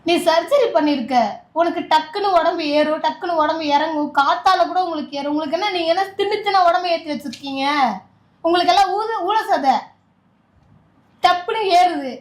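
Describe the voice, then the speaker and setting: Young Tamil-accented woman, high-pitched, pleading through tears, recorded in an echoey room. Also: brisk. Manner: pleading, emotional and insistent. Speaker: YouTube couple vlogger. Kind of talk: emotional prank argument.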